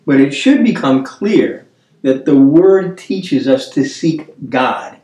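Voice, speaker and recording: A man's voice: fairly high pitch, expressive, warm tone. Older man, roomy and distant. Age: 70s. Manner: earnest, storytelling, halting restarts. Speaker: Bible study host. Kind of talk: casual Bible discussion. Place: dining room table, indoors.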